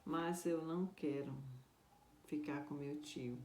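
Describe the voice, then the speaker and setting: A man's voice: on the high side, slow pace, a little mellow. A woman playing a timid, frightened boy. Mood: pleading. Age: child. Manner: pleading, timid. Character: frightened young village boy, sad and longing. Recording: roomy echo.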